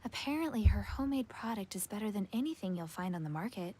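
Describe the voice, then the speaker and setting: An actress voicing a composed young fortune teller in a video game, measured and politely reserved. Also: female voice, medium pitch, lively intonation, heavy background noise, close to an everyday voice. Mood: composed, informative. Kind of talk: anime video game character acting. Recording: music behind the voice.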